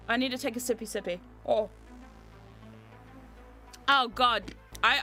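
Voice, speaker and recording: Woman, jet lagged, slight sore throat, very high voice, bright tone, giggly rambling streamer chat, sweary, faint background music. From New Zealand. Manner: excitable, giggly, rambling, playfully dramatic, sweary. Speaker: VTuber streamer and host. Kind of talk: casual livestream chat with viewers.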